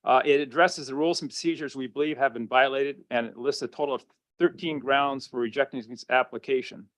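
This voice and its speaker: Man, public testifier, formal, earnest, halting mid-pitch voice. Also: steady tone, fairly bright tone. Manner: stumbling, formal, concerned. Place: public hearing room.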